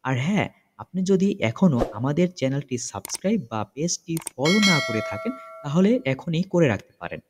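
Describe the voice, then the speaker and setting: A man with a fairly high, animated voice leads an English lesson. He explains each example step by step and keeps checking in with his listeners. The sound rings with a long reverb. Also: fairly quick, background noise. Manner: lively, repeats examples with check-in questions. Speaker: English teacher.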